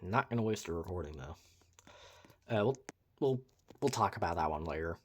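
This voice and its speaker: A young gameplay reviewer with a low, lively voice talks at a moderate pace, rambling casually over the game with lots of "like" and "uh" and wry, sarcastic asides. There's slight background noise.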